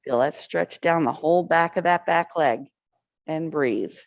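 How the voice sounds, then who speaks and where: A woman with a slightly low voice guides an arthritis exercise class, counting each rep aloud and encouraging everyone along. The recording sounds dull and lo-fi, with a dry, close feel. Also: unhurried, vocal fry, no room sound.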